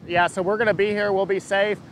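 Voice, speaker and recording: Halting higher-voiced man giving live storm commentary. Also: level tone. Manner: hesitant, halting, repeats words mid-thought. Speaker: storm forecaster hosting a live update. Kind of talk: live unscripted weather commentary, answering viewer questions. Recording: engine rumble and wind noise.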